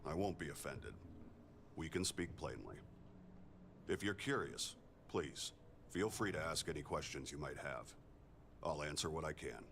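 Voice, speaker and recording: An actor playing a composed augmented male ex-soldier engineer in a video game, speaking in a measured, plainspoken way. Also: a bass voice, animated, vocal fry, fairly bright tone, slight background noise, full character voice. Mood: calm. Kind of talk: video game character dialogue.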